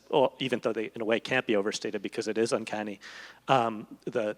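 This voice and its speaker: On the low side yet fairly bright in tone, a man's voice carries through a reverberant large hall. He is a literary translator appearing as a guest in an on-stage conversation at a public event, thoughtful, digressive and often groping for words.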